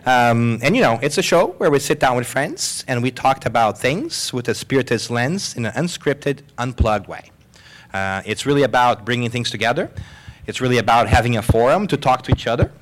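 A man hosts a live panel in front of an audience, trading light jokes and poking fun at himself. His voice has a slight hoarseness, and he talks in a chatty, upbeat way. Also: mid-range voice, moderate pace. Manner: jokey, lively, self-deprecating. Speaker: host. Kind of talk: live panel show hosting. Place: symposium hall with audience.

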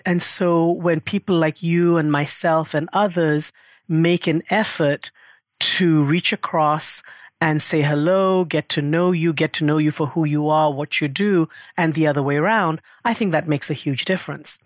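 A woman's voice: low-pitched, steady tone, measured pace, dry recording, clean studio sound. A middle-aged woman in earnest, reflective conversation, with frequent asides. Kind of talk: conversational interview.

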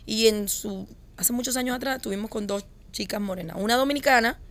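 Woman, quick frank chatter, a bit high voiced, casual podcast talk. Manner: frank, laughing storyteller. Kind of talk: casual group chat.

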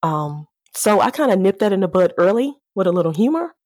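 A woman's voice: mid-range voice, big pitch swings, fairly quick, darkish tone, no echo, clean studio sound. A woman with a Southern American accent chatting casually, with a sassy, candid and playful manner. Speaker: auto repair shop owner, podcast guest. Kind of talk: casual chat.

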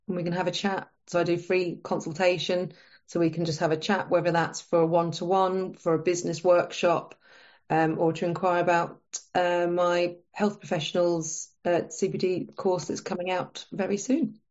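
A woman's voice: on the low side, flat delivery, normal speed, darkish tone, highs cut off. A woman guest talking casually in a podcast interview, chatty and full of fillers and restarts. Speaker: menopause coach, guest.

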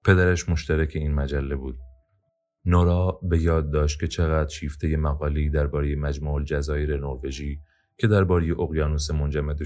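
Male audiobook narrator, very low voice, measured reading, soft music underneath. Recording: faint background music.

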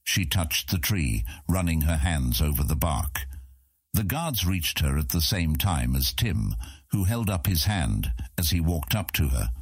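A man with an extremely deep, husky voice narrates a fantasy audiobook in dramatic, scripted storytelling. His delivery is sing-song and a little slow. The recording is close and dry.

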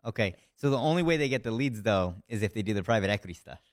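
A laid-back man hosts a podcast conversation, dropping frequent "yeah"s and the odd curse word. His voice sits fairly low and sounds dry and close, with little room around it. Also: expressive, quick pace, dry recording. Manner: casual and laid-back, with frequent "yeah" backchannels and mild swearing. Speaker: podcast host. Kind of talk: casual interview conversation.

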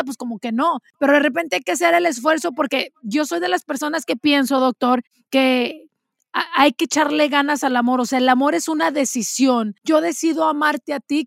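High, gravelly Mexican woman telling bawdy jokes. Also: no room sound, clean studio sound. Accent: Mexican Spanish. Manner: bawdy, joking storyteller. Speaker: podcast co-host. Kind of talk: casual podcast chat.

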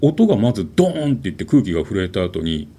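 A man telling a ghost story in an animated, dramatic way, with vivid sound words. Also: lowish voice, quick pace, breathy edge.

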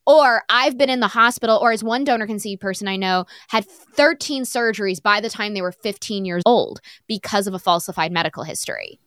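A woman's voice: mid-range voice, fairly quick, hardly any pauses, a bit bright, no room sound. Fiery young woman guest, blunt and sarcastic, with a close, dry sound. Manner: outspoken and passionate, swears freely; sarcastic mocking impressions. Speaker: podcast guest. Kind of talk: candid conversational interview.

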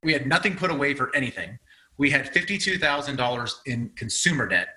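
A man's voice: medium pitch, lively intonation, a little fast, sharp tone, rough recording. A man as an interview guest, earnestly telling his family's story in a casual, confessional way.

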